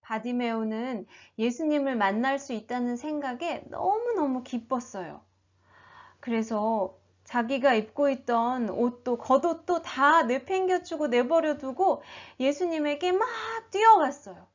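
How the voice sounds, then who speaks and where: A woman telling a Bible story as a children's sermon, expressive and animated, asking the listeners questions. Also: high voice, measured pace. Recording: dull lo-fi recording.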